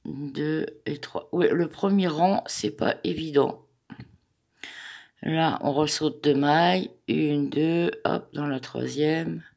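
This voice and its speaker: A woman walks viewers through a crochet pattern step by step, chatty and hesitant, counting each stitch aloud. She speaks slowly and unhurriedly, and her voice has a gravelly edge. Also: sits low, a little mellow. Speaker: crochet tutorial host. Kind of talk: step-by-step craft tutorial.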